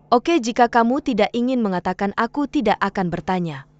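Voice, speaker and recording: A woman's voice: medium pitch, lively intonation, fairly quick, a little mellow, dry recording, natural voice. A woman dubbing a worried young woman who keeps pressing her close friend with questions. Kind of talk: drama dub. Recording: dull dry studio dub, faint music.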